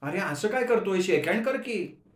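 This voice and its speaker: A man voicing a lively, teasing young woman in a told story. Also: high-pitched, moderate pace, roomy sound, voice pushed up.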